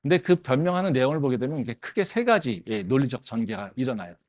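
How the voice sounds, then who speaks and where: A male pastor preaching to a campus congregation, and his voice rises and falls in wide, lively swings. He keeps tossing rhetorical questions to the listeners and fills the gaps with short affirming interjections. He sits at a middle pitch for a man. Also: fast. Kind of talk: sermon. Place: campus church service.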